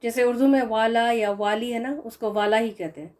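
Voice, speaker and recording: A woman teaching a recitation lesson, explaining pronunciation patiently and repeating example words slowly. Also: fairly high pitch, steady tone, a little mellow.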